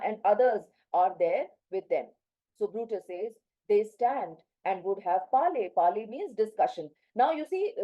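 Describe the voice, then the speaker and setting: Indian english lady teacher going through a play, quotes then says it plain, lots of uhs, voice a bit high. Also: a little mellow, poor audio. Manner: reads quotes then paraphrases in plain words, many "uh" and "you know". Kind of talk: explaining a play line by line.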